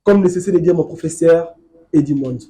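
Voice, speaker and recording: A man's voice: on the high side, a little fast, warm tone. A man from Congo, a legal researcher, lecturing in a studio political debate and insisting on finishing his point. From Democratic Republic of the Congo.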